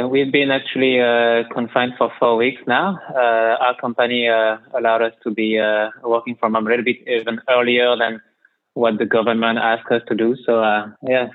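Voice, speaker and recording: A French man in his thirties, speaking with a French accent, is a guest on a remote podcast interview, talking hesitantly with many fillers. His medium-pitched voice shows little pitch movement and moves at normal speed. He comes through a call line, so the sound is dry and tinny with no room sound.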